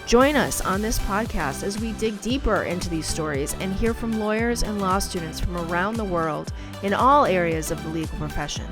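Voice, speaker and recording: A woman's voice: mid-range voice, lively intonation, moderate pace. A woman reading a polished, scripted podcast introduction. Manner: polished announcer delivery. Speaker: show announcer. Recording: voice over clear music bed. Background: music.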